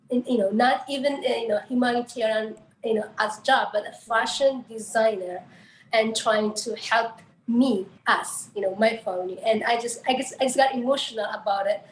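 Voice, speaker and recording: Woman from Tigray, slightly high voice, filler-heavy, echoey room. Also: slight background noise. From Tigray, Ethiopia. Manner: emotional, many fillers. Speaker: interview guest. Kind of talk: casual interview answer.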